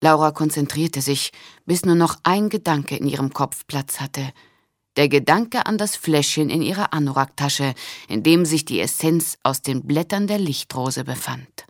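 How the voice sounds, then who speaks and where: Woman narrator, fantasy audiobook, calm expressive reading, low voice, dry close recording. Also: normal speed, no room sound.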